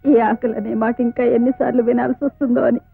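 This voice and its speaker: An actress playing a poor, sorrowful mother who talks softly and tearfully to her young son. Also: on the high side, level tone, fast, gravelly, husky, no room sound. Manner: soft, tearful and gentle. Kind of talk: 1980s film drama. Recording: tinny lo-fi film soundtrack with faint music.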